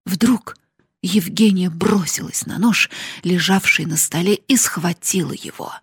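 A woman narrating a classic novel as an audiobook in a measured, dramatic way. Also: on the low side, husky, no echo. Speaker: audiobook reader.

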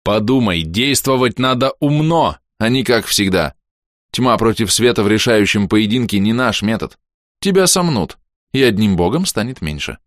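A man's voice: fairly low pitch, lively intonation, normal speed, no room sound, clean studio sound, voice pushed up, close to an everyday voice. A man voicing an earnest young woman who speaks urgently and pleadingly.

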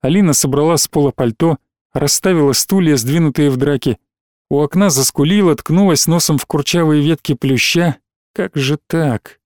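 A man narrating an audiobook in a steady, dramatic reading style. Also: fairly high pitch, a little fast, dry recording, studio quality.

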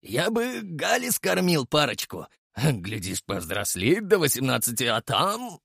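A man voicing a gruff, lecherous sergeant-major who grumbles and swears in a coarse, sly way in an audiobook. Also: medium pitch, wildly swooping pitch, a little slow, a bit bright, no room sound, studio quality, exaggerated voice.

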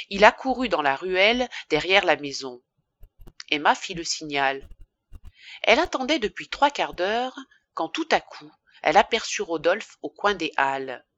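A woman narrating a classic novel for an audiobook in an expressive, measured reading. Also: lowish voice, no room sound, highs cut off.

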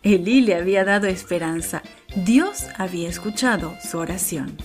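A woman storyteller narrating a Bible story for children in a warm, expressive way. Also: fairly low pitch, normal speed, faint music behind.

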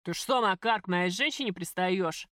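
A woman voicing a crude, jealous male mob boss who talks loudly and bossily in an audiobook. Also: fairly low pitch, a little fast, dry recording, clean studio sound, close to an everyday voice. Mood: brash. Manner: loud, coarse, bossy.

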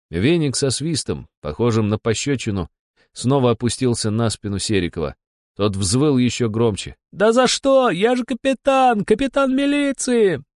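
A man's voice: on the low side, a little mellow, no echo. Man narrating a wry audiobook, dry sound. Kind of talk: first-person audiobook narration.

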